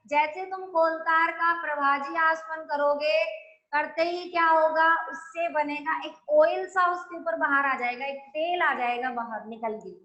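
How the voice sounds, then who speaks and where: Bright high-voiced woman teaching chemistry. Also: dull audio. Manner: explains step by step, keeps asking the class if they follow. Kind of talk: classroom lecture. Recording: echoey room.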